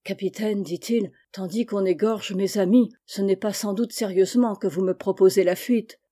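A resolute young Frenchman, read by a woman in an audiobook, declaiming with passion. The voice is mellow and dark rather than bright. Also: medium pitch, steady tone, moderate pace, natural voice. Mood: indignant. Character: young French man, despairing yet resolute.

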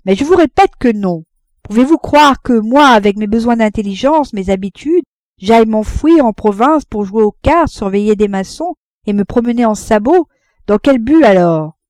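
An ardent young man pleading his love in a storybook reading, mellow and warm in tone, with a woman reading the part, heard up close in a dry, dead-quiet space. his lines build with feeling but stay in an everyday voice. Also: mid-range voice, animated, moderate pace, no echo, close to an everyday voice. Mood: impassioned. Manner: impassioned pleading.

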